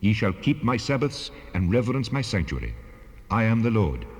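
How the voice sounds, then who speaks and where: An actor playing God as a solemn, commanding deity, handing down laws in a stately, declamatory dramatized scripture reading. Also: male voice, lowish voice, big pitch swings, moderate pace, husky. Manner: solemn, stately, authoritative pronouncements. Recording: 1970s cassette rip, long reverb.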